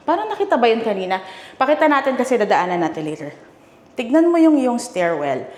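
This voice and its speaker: Chatty Filipino woman giving a house tour. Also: high voice. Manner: chatty, enthusiastic, code-switching, exclaims often. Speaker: property tour host.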